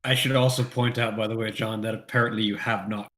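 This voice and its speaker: A man's voice: on the low side, level tone, fast, fairly bright tone. A man playing in a tabletop game over a voice call, his phrases echoing back heavily and bits cut by noise cancellation. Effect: heavy echo repeating his phrases, parts cut by noise cancellation. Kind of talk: casual online game chat.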